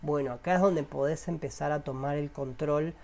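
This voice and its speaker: Coaxing Rioplatense self-help coach. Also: male voice, a little high, steady tone, moderate pace, creaky, darkish tone. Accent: Rioplatense Spanish. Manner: repetitive, coaxing, addresses listeners directly. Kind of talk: guided inner-voice exercise with commentary.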